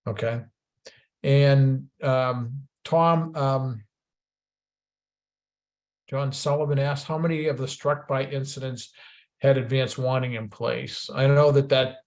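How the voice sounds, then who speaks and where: A Boston-area man with a Boston accent hosts a webinar over video call, rambling and joking with plenty of restarts in this casual moderated discussion. His voice sits at medium pitch, steady and slightly mellow, and he takes his time with long pauses.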